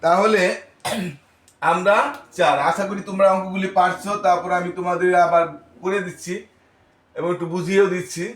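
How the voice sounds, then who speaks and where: A man teaching a first-grade math lesson, counting aloud slowly and patiently. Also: sits high, level tone, reverberant. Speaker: primary school teacher.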